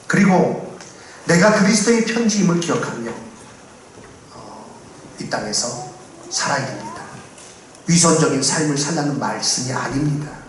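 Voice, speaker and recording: Male pastor, sermon; exhorting, loud peaks and soft asides; distant mic in a reverberant church. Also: a little hiss or hum. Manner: swings between loud emphatic declarations and quiet low asides; solemn, exhorting cadence with repeated benedictions. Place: church sanctuary. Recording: very echoey hall, mic far off.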